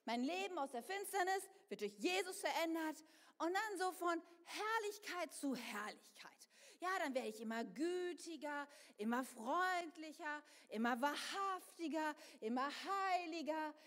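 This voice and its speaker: Woman pastor preaching, high voice, big echoey church hall, talks right to the congregation. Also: a little slow. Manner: expressive, acts out inner voices, addresses congregation directly. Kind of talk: sermon.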